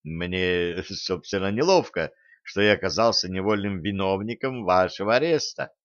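A reserved young lieutenant, as a man reading an audiobook puts him on, speaking quietly and formally in a low, subdued voice. He weighs each word with care. The recording is dry and a little muffled. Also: moderate pace, dry recording, natural voice. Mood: earnest. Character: young earnest male lieutenant, reserved and thoughtful.

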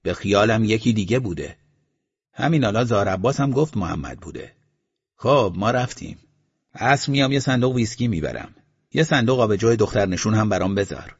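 A male audiobook narrator voicing a chatty male customer passing on gossip, in a husky voice on a slightly muffled recording. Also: fairly low pitch, expressive, voice pushed up. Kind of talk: audiobook character voice.

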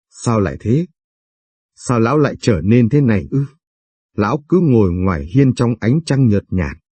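Male narrator for a somber story read-aloud, low, husky, close and dry. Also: mellow, dry recording.

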